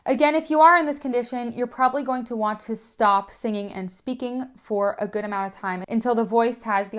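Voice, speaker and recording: Young adult woman, voice teacher, clear explanatory delivery, pitched a touch high. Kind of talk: educational lesson.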